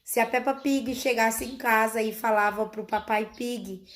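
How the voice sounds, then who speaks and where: A woman speaks to the camera in a casual vlog, explaining her child's story. Her voice sits somewhat high, and she keeps turning to her audience to stress what matters. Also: steady tone, a little slow. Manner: earnest, explanatory, often calls out to her viewers.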